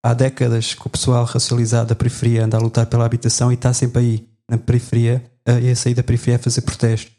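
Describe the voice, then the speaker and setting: A man recounts events reflectively. His voice is dark and mellow, and his intonation stays quite flat and even. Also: medium pitch, quick pace, few pauses. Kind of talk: conversation.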